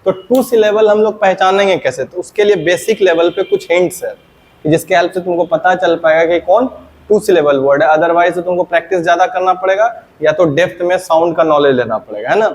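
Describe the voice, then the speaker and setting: A man teaching English grammar in a classroom lesson. He often asks a question, answers it himself in a lower voice, and checks whether the class has understood. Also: brisk. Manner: asks questions then answers them himself, dropping low on the answers.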